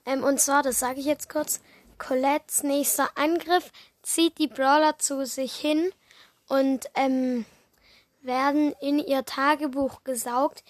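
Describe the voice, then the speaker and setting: A woman's voice: high-pitched, fairly even intonation, slow, no room sound. A woman co-hosting a casual video, rambling through an explanation with many fillers. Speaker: co-host. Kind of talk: casual chat.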